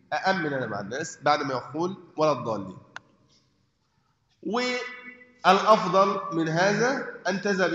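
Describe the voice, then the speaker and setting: A sheikh with an Egyptian Arabic accent teaches a hadith book in a fairly high, fairly bright voice. He explains by posing and answering his own questions and checks that listeners follow, recorded in an echoey hall with dull lo-fi sound.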